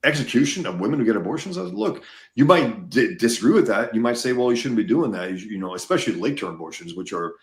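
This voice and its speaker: A man's voice: mid-range voice, animated, fast, roomy sound. A man from the United States, a guest in a casual conversation, talking emphatically and repeating words as he gets worked up.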